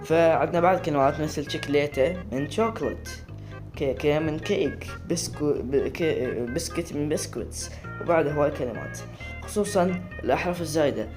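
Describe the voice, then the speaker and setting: Fast-talking Iraqi man, rambling chat. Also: fairly high pitch, over music. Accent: Iraqi Arabic. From Iraq. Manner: rambling, chatty, often breaks off and restarts words. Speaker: video creator. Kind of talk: casual talk to camera.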